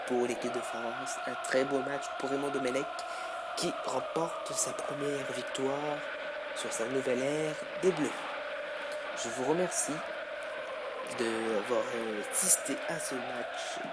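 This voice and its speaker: Excited man doing football commentary over loud noise. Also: medium pitch. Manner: bursts into shouts at goals and chances. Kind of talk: excited live sports commentary. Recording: loud background noise throughout.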